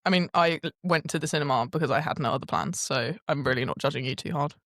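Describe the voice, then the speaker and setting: A woman's voice: low-pitched, fast, a bit bright, no echo, studio quality. A woman co-hosting a podcast in casual chat, teasing and laughing often. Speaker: podcast co-host.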